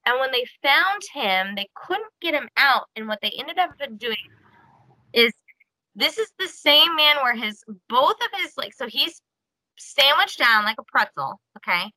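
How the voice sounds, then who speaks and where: A woman with a higher, bright voice tells a story in a casual chat. She talks in an animated way, with lots of "like" and "okay", and acts out the quotes. The recording is dry and close. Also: measured pace, no echo, rough recording. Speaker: podcast host.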